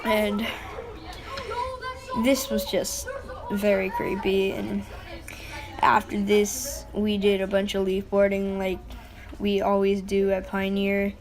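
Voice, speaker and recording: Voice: mid-range voice, monotone, slow pace, pauses often, some chatter behind. A female-sounding voice giving informal, rambling vlog commentary over exploration footage, with mild swearing. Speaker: vlog narrator.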